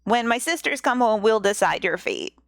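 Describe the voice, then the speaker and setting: A woman voicing a kind but stern female goat from a fairy tale, speaking in a calm, formal way. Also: on the high side, moderate pace, vocal fry, no echo.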